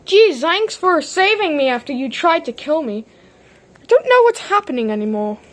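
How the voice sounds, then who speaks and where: A woman's voice: sits high, very animated, moderate pace. A woman voicing all the characters in a playful homemade toy-train drama, jumping between silly character voices. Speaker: fan series voice actor.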